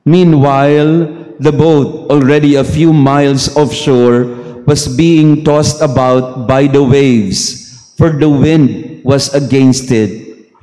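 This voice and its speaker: A man, a priest reading the gospel and preaching in a measured way, heard with a long cathedral-like echo. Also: medium pitch, steady tone, dark tone. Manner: slow measured reading, then easygoing mixing of English and Tagalog. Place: large church. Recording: long church reverb.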